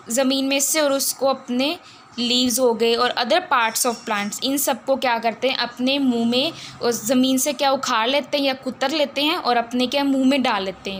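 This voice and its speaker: A woman with an Indian accent and a high-pitched, fairly bright voice teaches a science lesson over slight background noise. She reads English lines slowly, then explains them in a mix of Hindi and English, asking herself questions and repeating words.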